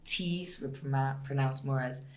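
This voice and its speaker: A woman's voice: very deep voice, a little slow, a little mellow. A woman from Norway, co-hosting a casual podcast chat as an English teacher and steering it with upbeat questions. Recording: roomy echo.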